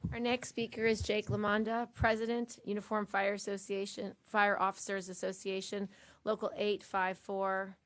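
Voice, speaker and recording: A woman's voice: mid-range voice, flat delivery, moderate pace, slight background noise. A woman working as emcee, formally announcing speakers and reading out their titles.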